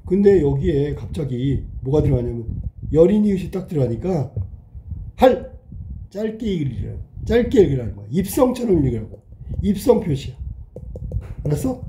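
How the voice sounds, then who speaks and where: Quizzing male teacher with a dark voice. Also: on the high side, a little hiss or hum. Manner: questioning, checks understanding often. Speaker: Korean language teacher. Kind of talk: classroom lecture, explaining while writing.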